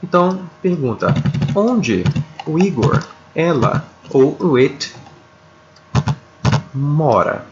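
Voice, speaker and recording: A Brazilian man teaches a video grammar lesson at an unhurried, careful pace, repeating himself and pausing to check that students follow. His voice sits at an ordinary middle pitch. The recording is slightly dull, with faint noise behind him. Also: lively intonation. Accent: Brazilian Portuguese. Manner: slow, deliberate, repeats words, checks in with "tá?". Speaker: English teacher.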